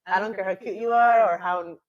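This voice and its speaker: A woman in her thirties co-hosting a casual podcast chat, telling stories with lively mimicry. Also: medium pitch, fairly quick, narrow, tinny audio. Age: 30s. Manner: animated storyteller, mimics voices. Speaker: podcast co-host.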